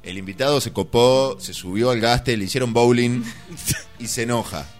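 A man's voice: medium pitch, normal speed, faint music behind. An Argentine man hosting a podcast, teasing his co-hosts playfully in casual chat. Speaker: podcast host.

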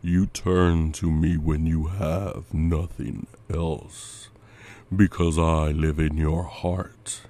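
A cold, patient demon, as a man puts him on, speaks with menacing courtesy in a very deep, dark, mellow voice. His delivery is slow and unhurried, with hardly any rise or fall. It is a scripted dramatic monologue. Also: level tone, exaggerated voice. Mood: quietly menacing.

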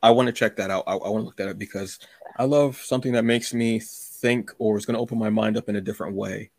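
Hosting a casual interview podcast, a low-voiced man speaks effusively and rambles, doubling back on his words. His intonation stays fairly even, his pace is quick, and his tone is a little mellow. The recording is dry and close, with no room sound.

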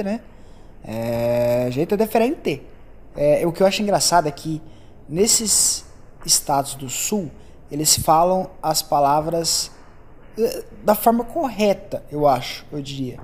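Talking on his own podcast, a young man from Brazil, accent clearly Brazilian, rambles casually from topic to topic. His voice is on the high side and darkish in tone.

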